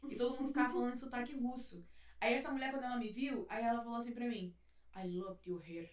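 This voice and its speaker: A woman's voice: a little high, steady tone, very fast. A woman from Rio de Janeiro, chatting casually and telling a story full of slang. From Rio de Janeiro, Brazil. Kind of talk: casual chat. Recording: roomy, distant mic.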